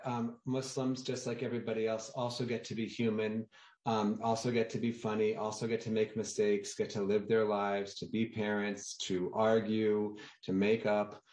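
A man's voice: on the low side, darkish tone. A man in his thirties, a documentary guest, speaking earnestly and reflectively on a video call from a room lined with bookshelves. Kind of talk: remote TV interview. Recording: roomy echoey video call.

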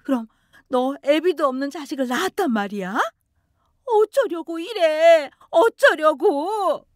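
A woman voicing an older mother-in-law who scolds and wails in a shrill, high voice. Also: very animated, unhurried, fairly bright tone, no room sound, clean studio sound, heavily acted. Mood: scolding.

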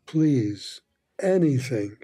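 A man playing an aggrieved elderly father in a comedy sketch, with a husky, halting, pleading delivery. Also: mid-range voice, animated, warm tone, exaggerated voice. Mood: wronged, vengeful. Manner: halting, pleading, dramatically wounded. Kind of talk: comedy sketch acting, mafia parody. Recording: music playing under the voice.

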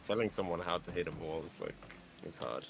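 A man chatting laid-back with friends during an online game, calmly explaining how it is played. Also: low-pitched, brisk, creaky, background noise. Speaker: gaming teammate. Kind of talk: casual gaming chat.

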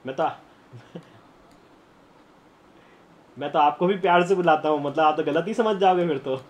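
Young guy streaming a game, kinda high voice, gets loud and hyped fast. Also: lo-fi sound. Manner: excitable, laughing, shouting bursts. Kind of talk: live gameplay commentary.

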